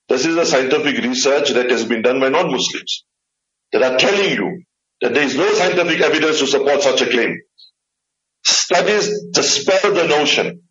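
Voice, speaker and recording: A man's voice: a little high, fairly bright tone. A man, an Islamic scholar, giving a religious lecture with slides in an emphatic way, repeating key phrases. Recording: roomy, dull lo-fi room recording.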